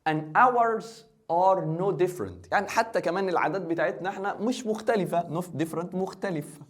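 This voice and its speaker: Fast-talking joking Egyptian teacher, man. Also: high-pitched, a bit bright. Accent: Egyptian Arabic. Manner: quick, joking, asks the student questions. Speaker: English teacher. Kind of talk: playful exam-review lesson.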